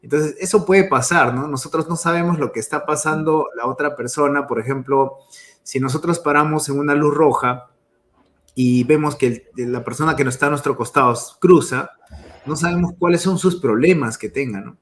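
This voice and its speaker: A man's voice: fairly high pitch, normal speed, a bit bright. A man giving a motivational talk on emotions in business, telling stories and tagging his phrases with a questioning "¿no?". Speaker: network marketing speaker.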